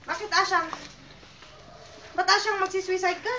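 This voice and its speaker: A woman's voice: extremely high pitch, steady tone, moderate pace, bright, forceful tone. A woman coaxing and pleading, asking the same questions again and again, recorded at home on a handheld camera. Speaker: parent comforting a crying relative. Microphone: handheld camera mic. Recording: muffled home video with noise.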